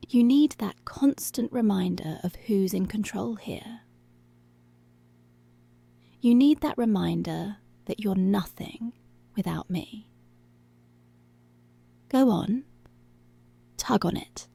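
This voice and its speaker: A woman with a mellow, mid-range, exaggerated voice plays a domineering policewoman in an intimate ASMR roleplay, with no echo in the recording. She teases possessively in a slow, breathy half-whisper.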